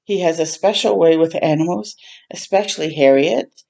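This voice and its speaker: A woman with a low voice and vocal fry hosts a children's storytime, reading a picture book aloud at a moderate pace. She's gentle and expressive, adding tender asides to her listeners.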